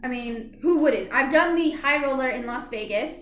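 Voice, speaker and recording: A woman's voice: high voice, normal speed, a bit bright, reverberant. A woman vlogging in a casual, rambling way. She laughs easily and hums filler syllables while she gathers her thoughts. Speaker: vlogger reviewing a TV episode. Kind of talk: casual rambling chat to camera.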